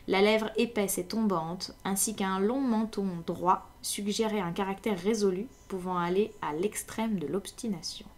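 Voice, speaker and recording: A woman reading a classic detective story aloud in French, with measured, attentive narration. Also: medium pitch. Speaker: audiobook reader.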